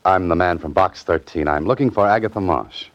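An actor playing a wry, laconic hard-boiled writer-adventurer in a 1940s radio drama. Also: male voice, low voice, brisk, dry recording, natural voice. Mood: polite, bemused. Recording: muffled old radio recording, loud music.

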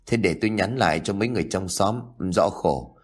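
A man's voice: deep voice, brisk, husky. A man voicing a worried, scolding middle-aged mother in an audio story. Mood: fretful. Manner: scolding, fretful.

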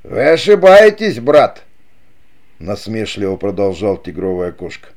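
A man's voice: medium pitch, takes it slowly, a little mellow. A man voicing a vengeful, mocking male chief who taunts his brother in an audiobook, sneering and cruel. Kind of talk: audiobook character reading.

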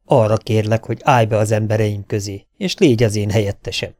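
A man voicing a gruff, impatient middle-aged sheriff in an audiobook. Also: on the low side, a little mellow, no echo, lightly acted. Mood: urgent. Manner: grumbling, impatient. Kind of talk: audiobook dialogue.

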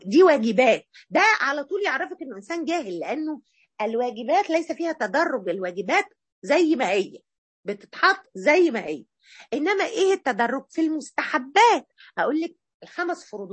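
Egyptian woman, female preacher, religious lesson, rapid emphatic talk, very lively pitch. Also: slightly rough, dry recording. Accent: Egyptian Arabic. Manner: animated, colloquial and emphatic.

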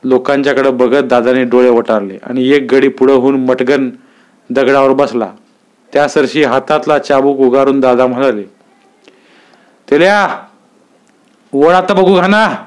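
A man reading a literary story aloud with steady, vivid narration. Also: mid-range voice, moderate pace.

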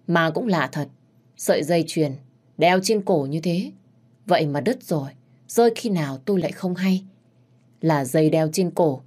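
Low-voiced woman telling a ghost story. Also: warm tone. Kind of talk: scripted horror story narration.

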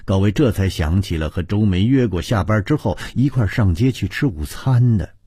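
A man's voice: lowish voice, animated, normal speed, warm tone, husky, dry recording, clean studio sound. A man narrating a ghost story with suspense, his voice rising and falling expressively. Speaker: audiobook narrator.

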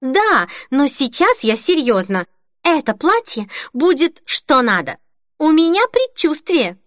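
Woman putting on a squealing excitable bride-to-be. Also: high-pitched, moderate pace, no room sound, clean studio sound, pitched above the performer's own voice. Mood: excited. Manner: gushing, breathless exclamations. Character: excitable young bride-to-be, shrill and demanding. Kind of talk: audiobook character reading.

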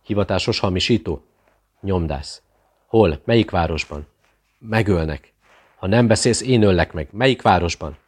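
A man's voice: low voice, pauses often, slightly rough. A man voicing a menacing interrogator who hisses threats at a captive in an audiobook. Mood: threatening.

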